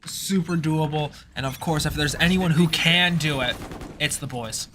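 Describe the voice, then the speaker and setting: A young man calls a live college esports match in fast, eager play-by-play, his fairly high voice jumping up whenever a play lands. He talks into a headset mic, and a light hiss sits under his voice. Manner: fast, excitable play-by-play with rising exclamations. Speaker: esports caster.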